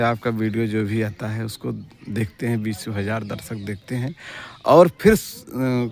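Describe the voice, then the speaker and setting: A man interviewing a folk performer in casual rustic chat, often repeating the guest's words back. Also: mid-range voice. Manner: echoes the guest's phrases back.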